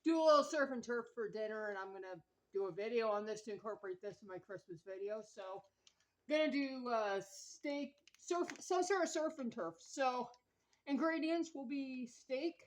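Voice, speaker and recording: A woman's voice: a little high, normal speed, rough recording. A woman chatting casually through a cooking vlog in her home kitchen, rambling and laughing often between remarks. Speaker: vlogger.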